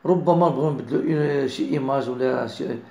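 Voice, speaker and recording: A man with a Moroccan accent giving a software design tutorial, mixing in French words and often checking that viewers follow. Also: mid-range voice, fast talker, creaky, roomy sound. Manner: mixes French into explanations, keeps checking understanding. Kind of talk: screen-recorded software tutorial.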